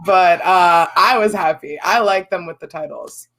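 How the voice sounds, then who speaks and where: A woman co-hosting a casual podcast chat, effusive as a fan, her voice hoarse and worn out from cheering. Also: lowish voice, normal speed, a bit bright, rough recording. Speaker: podcast co-host.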